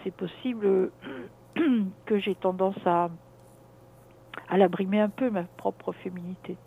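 A middle-aged woman heard over a narrow, tinny phone connection. She talks as a caller in a personal conversation, reflective and halting as she thinks aloud. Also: mid-range voice, creaky, breathy edge. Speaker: caller consulting a dream analyst.

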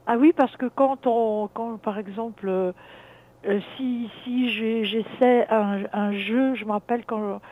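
A middle-aged woman heard over a narrow, tinny phone connection. She talks as a caller in a personal conversation, reflective and halting as she thinks aloud. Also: a little high, fairly even intonation. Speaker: caller consulting a dream analyst.

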